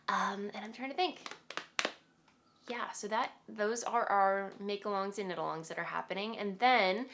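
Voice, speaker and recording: A woman's voice: medium pitch, a bit bright. Nasal, congested woman chatting casually. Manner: chatty and rambling, with fillers and laughs. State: congested from a cold. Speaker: knitting podcast host. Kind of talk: casual chat to camera.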